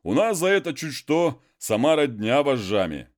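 A man's voice: mid-range voice, very animated, normal speed, pitched above the performer's own voice, close to an everyday voice. A man doing jeering peasant workmen.

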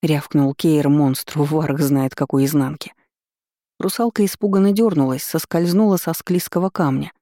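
A man narrating a fantasy novel in an even storytelling manner. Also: a little high, moderate pace, no room sound, clean studio sound. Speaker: audiobook narrator.

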